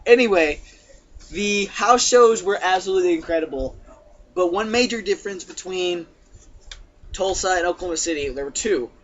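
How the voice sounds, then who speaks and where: A man's voice: high-pitched, animated, normal speed, fairly bright tone. A man hosting a casual wrestling podcast, laughing often and steering the talk along, on a muffled lo-fi recording. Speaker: podcast host. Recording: muffled lo-fi recording with faint hiss.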